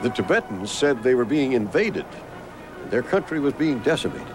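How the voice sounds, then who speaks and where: A man's voice: mid-range voice, big pitch swings, normal speed. A man reading scripted documentary narration as the film's narrator. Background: music.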